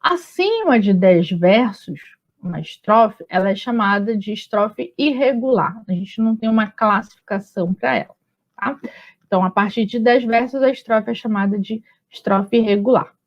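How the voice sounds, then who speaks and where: A woman's voice: medium pitch, lively intonation, normal speed. A woman teacher explaining step by step in a patient, explanatory manner, often checking in with her students. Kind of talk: recorded online lesson. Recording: muffled lo-fi audio.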